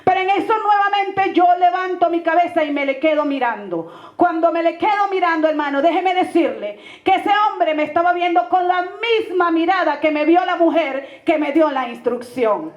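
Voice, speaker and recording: A woman's voice: extremely high pitch, animated, normal speed. A woman pastor from Venezuela with a Venezuelan accent, fervently telling a testimony in a sermon and calling her listeners brother. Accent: Venezuelan Spanish. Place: church. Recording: roomy, dull lo-fi church recording.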